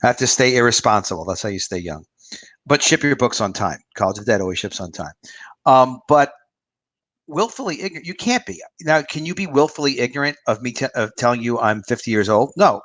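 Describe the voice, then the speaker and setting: A man's voice: medium pitch, animated, brisk, a bit bright, no room sound. A man in his fifties, an author and publisher, giving his opinions in a rambling, casual livestream chat with a dry close sound. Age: 50s.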